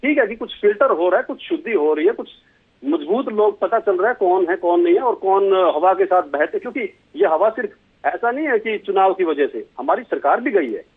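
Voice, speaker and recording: A man's voice: sits high, lively intonation, a little fast, slightly rough. A man from Haryana, speaking as a party spokesman in a TV political debate, telling folksy anecdotes. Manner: folksy, tells anecdotes with acted quotes. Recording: tinny phone line.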